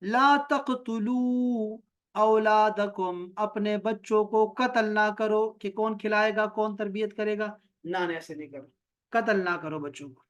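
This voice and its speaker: A man teaching an online Quran and Arabic grammar class over a video call. He recites short Arabic phrases slowly, then explains them patiently and checks his students' answers with questions. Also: high-pitched, steady tone.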